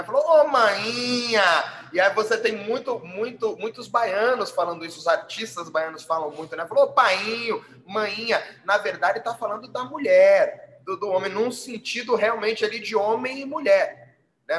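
A man's voice: high voice, fairly bright tone. A man explaining things in casual talk, with frequent tag questions and repeated words, and acting out quoted calls in a raised voice. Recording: roomy echo.

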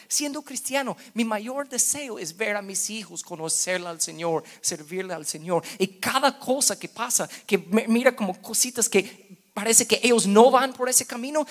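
A man in his thirties preaching a sermon as pastor, slipping English words into his Spanish and swinging between loud bursts and hushed asides. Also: very high voice.

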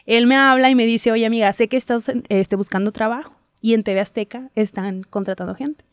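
A woman's voice: fairly high pitch, a little fast, smooth, no echo. Young woman chatting in an interview, laughs a lot, dry sound. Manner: chatty storyteller, laughs often, acts out quotes. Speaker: guest, TV reporter. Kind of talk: casual interview chat.

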